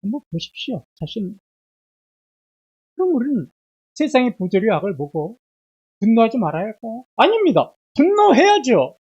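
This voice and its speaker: A man preaching a Sunday sermon in a church while suffering from a bad cold with fever. He asks his listeners one rhetorical question after another, rising loud and dropping to a hush. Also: sits high, sing-song, normal speed, long pauses, breathy edge, muffled recording. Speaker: pastor. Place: church sanctuary.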